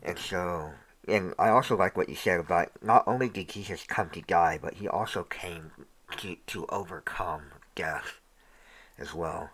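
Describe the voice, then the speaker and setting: Dude with a low voice asking questions casually, lots of likes and you knows. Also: male voice, unhurried, a bit bright, slightly rough. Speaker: interviewer.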